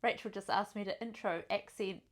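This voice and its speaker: A woman's voice: medium pitch, brisk. A woman, hosting a podcast and chatting cheekily through party photos. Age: 30s. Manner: cheeky, loud, laughing. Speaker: podcast host. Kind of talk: casual chat showing photos.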